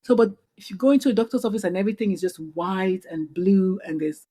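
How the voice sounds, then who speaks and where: Speaking quickly in a warm, medium-pitched voice, this woman is a middle-aged Nigerian doctor appearing as a podcast guest. She tells her stories with animated earnestness, frequently starting sentences over, in a conversational interview.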